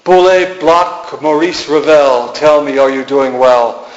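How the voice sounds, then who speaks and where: A man's voice: on the high side, steady tone, slow pace. A man giving a poetry reading in an art gallery, with a musing, incantatory delivery and repeated refrains. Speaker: poet. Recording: echoey room, dull lo-fi sound.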